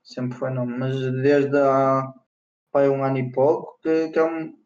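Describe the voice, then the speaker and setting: A man's voice: medium pitch, steady tone, measured pace, a little mellow. A young man from northern Portugal with a European Portuguese accent, talking casually as an interview guest, using slang and some English words. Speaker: rapper being interviewed. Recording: roomy, slightly dull lo-fi sound.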